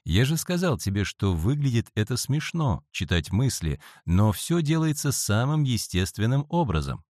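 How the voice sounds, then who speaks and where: A man voicing a calm, knowing schoolboy who speaks with gentle, assured persuasion, on a dry close audiobook recording. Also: mid-range voice, moderate pace, no echo, close to an everyday voice.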